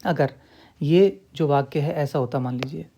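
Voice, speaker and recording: A man's voice: on the high side, moderate pace, creaky, warm tone. A man teaching a grammar lesson, repeating key points and asking and answering his own questions while checking in often with the listener.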